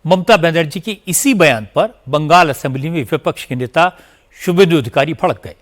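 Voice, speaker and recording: A male news anchor reading scripted narration in a steady, formal way. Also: fairly high pitch, moderate pace.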